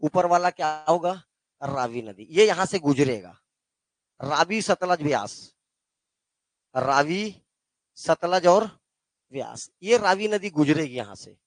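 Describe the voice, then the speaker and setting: A man's voice: fairly high pitch, expressive, takes it slowly, pauses often, dry recording. A male teacher with a Chhattisgarh Hindi accent, giving a classroom geography lesson and quizzing his students with call-and-response questions. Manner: addresses students as "beta".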